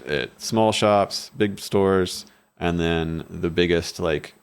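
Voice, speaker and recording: A man in his thirties, a guest in a small podcast studio, telling his story in a rambling, candid way with many restarts, speaking into a boom-arm studio mic. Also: slow, clear, resonant tone. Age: 30s. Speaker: guest, bike shop owner. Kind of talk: casual interview talk. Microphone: studio mic on boom arm, headphones.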